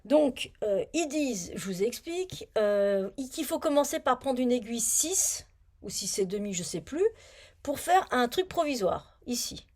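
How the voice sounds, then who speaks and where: A woman's voice: fairly high pitch, big pitch swings, measured pace, darkish tone. A woman chatting casually on her knitting vlog, rambling, muttering to herself as she looks for things and grumbling about a badly written pattern. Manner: grumbling, annoyed. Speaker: knitting vlogger.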